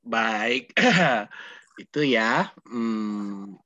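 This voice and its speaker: A man's voice: medium pitch, expressive, drawn-out words, sharp tone, dry recording. Man moderating over dull dry audio. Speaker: webinar moderator. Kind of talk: reading out audience questions.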